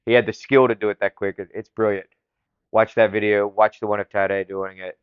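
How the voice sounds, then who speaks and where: A man's voice: fairly low pitch, little pitch movement, fairly quick, clean tone, no room sound, lo-fi sound. A man hosting a casual solo podcast, talking with enthusiasm and rambling with fillers and restarts. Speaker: podcast host.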